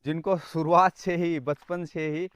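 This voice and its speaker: A man's voice: on the high side, fairly even intonation, a little slow, fairly bright tone, clear, resonant tone, no echo. A young man from Rajasthan, talking earnestly in a casual vlog and often calling the viewer "brother". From Rajasthan, India. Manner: earnest, repeats phrases, says "bhai" often. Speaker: vlogger.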